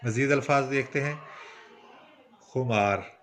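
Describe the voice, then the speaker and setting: A man's voice: mid-range voice, measured pace, a bit bright. A man from Pakistan with a Punjabi-tinged Urdu accent, teaching a poetry lesson patiently and breaking words into syllables. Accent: Punjabi-influenced Urdu. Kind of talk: instructional lesson.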